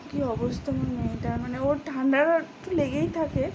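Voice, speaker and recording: A woman's voice: high voice, fairly even intonation, brisk, lo-fi sound, background noise. A young woman, a mother, talking in a worried, pleading way about her sick child. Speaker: mother and vlogger. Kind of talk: emotional vlog talk.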